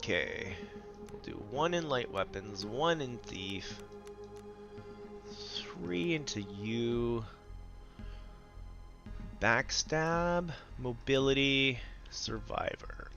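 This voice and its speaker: Slow, relaxed man narrating a game. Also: medium pitch, dull audio. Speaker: gamer narrating a playthrough. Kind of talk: casual game commentary.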